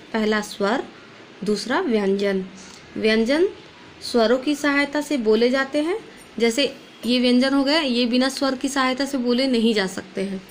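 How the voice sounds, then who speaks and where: A woman's voice: on the high side, slight background noise. A woman teacher gives a recorded lesson to young pupils. She poses questions and answers them herself, and drops English words into her speech.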